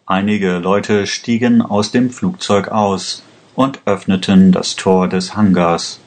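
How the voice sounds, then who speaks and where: A man narrating a language-learning story in a slow, careful, even reading. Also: low-pitched.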